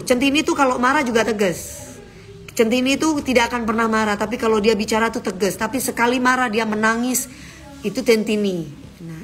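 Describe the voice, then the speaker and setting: A woman with a mid-range, slightly bright voice runs an Instagram live. She talks casually yet firmly and emphatically, speaking straight to the people commenting.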